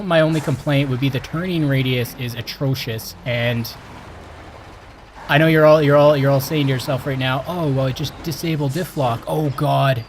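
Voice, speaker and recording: A young man from Canada hosting his gaming channel, chatting excitedly and exclaiming as he plays. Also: medium pitch, noisy background. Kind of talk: casual game commentary.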